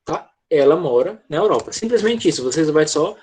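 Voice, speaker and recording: Teaching English online through his computer mic, this man has a husky, darkish voice pitched slightly high for a man, and he sounds animated. He's patient with grammar, keeps checking in with his students, and slows down deliberately to model each word.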